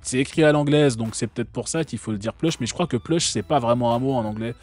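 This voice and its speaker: A man's voice: medium pitch, fast, darkish tone. Sarcastic rambling French streamer man. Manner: sarcastic, rambling with many fillers. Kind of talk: casual live-stream commentary.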